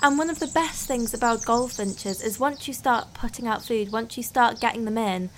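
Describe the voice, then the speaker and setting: Bright-voiced woman presenting a nature show. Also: a little high, normal speed, a little hiss or hum. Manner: warm, admiring descriptions of birds. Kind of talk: scripted radio presenting.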